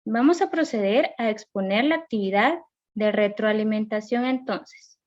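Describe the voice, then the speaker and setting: A woman teacher giving a recorded grammar lesson, reading rules and examples slowly and carefully. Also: medium pitch, darkish tone, dull audio.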